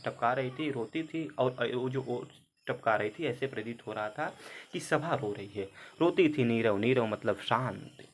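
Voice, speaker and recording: A man's voice: mid-range voice, slight background noise. A man teaching a Hindi poem to exam students, reading each verse and then glossing it word by word. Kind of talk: explaining a Hindi poem line by line.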